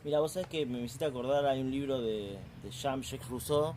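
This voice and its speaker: A man's voice: mid-range voice, a little fast, darkish tone, slight background noise. A man from southern Argentina with an Argentine accent, interviewing a guest in casual talk and building his points hesitantly. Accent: Argentine Spanish. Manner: hesitant, with restarts and fillers while building a point.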